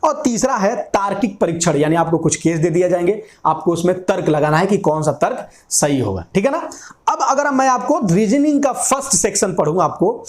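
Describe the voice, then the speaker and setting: A man's voice: high voice, expressive, normal speed, echoey room. A young man teaching an exam-prep class at a whiteboard, often repeating key points and asking and answering his own questions. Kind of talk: classroom lecture.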